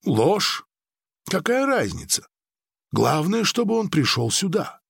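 Guy reading as an ancient dream-weaver, calm and persuasive with a dry little irony, voice rising and falling a lot, dry close sound. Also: high-pitched, takes it slowly, gravelly, husky, no room sound, voice pushed up, exaggerated voice.

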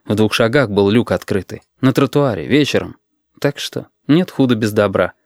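A man reading an audiobook in a measured, even storytelling manner. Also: on the low side, no room sound, studio quality. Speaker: audiobook narrator. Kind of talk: scripted narration.

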